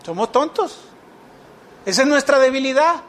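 A man's voice: very high voice, animated, normal speed, a bit bright. A man preaching a sermon, asking the congregation rhetorical questions and mimicking whiny believers.

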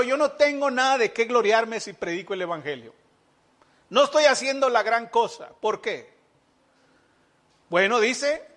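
A man's voice: very high-pitched, pushed and bright. A man preaching a sermon to his congregation, emphatic, with rhetorical questions and voices of imagined speakers. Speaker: pastor.

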